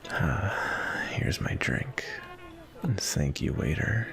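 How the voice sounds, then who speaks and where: Sebastian, a deep, gravelly vampire acted by a man. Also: lively intonation, fairly bright tone, faint music behind, full character voice. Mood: courteous, relaxed. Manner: polite, unhurried, flirtatious. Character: suave, courteous, centuries-old male vampire on a date. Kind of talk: ASMR roleplay, intimate and softly spoken.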